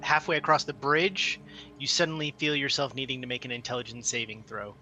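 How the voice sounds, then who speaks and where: A man's voice: mid-range voice, level tone, a little fast, sharp tone. A man acting as game master, casually narrating a tabletop game and explaining it to players.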